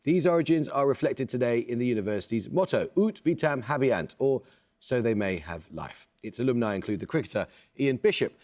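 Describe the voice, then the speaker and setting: A man hosting a quiz show, reading questions in a crisp, measured, authoritative way. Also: mid-range voice, expressive, a little mellow.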